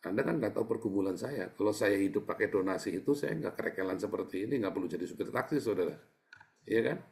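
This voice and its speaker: A middle-aged man, a pastor, giving a casual, chatty sermon, often turning to his listeners and swinging from quiet asides to loud, emphatic bursts. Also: fairly low pitch, quick pace, vocal fry. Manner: keeps addressing listeners as brothers and sisters.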